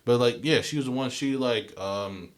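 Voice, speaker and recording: A young man co-hosts a casual podcast chat, rambling with plenty of fillers and restarts. He speaks at normal speed with a medium pitch and a clean tone.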